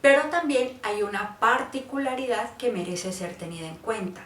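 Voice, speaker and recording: A woman's voice: a little high, moderate pace, a bit bright, distant mic, a little hiss or hum. A woman from Colombia with a Cali accent, teaching a lesson in a chatty way and checking in with her listeners. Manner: chatty, asks "¿sí?" to check understanding. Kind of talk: explanatory lesson. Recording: roomy, off-mic, faint ambience.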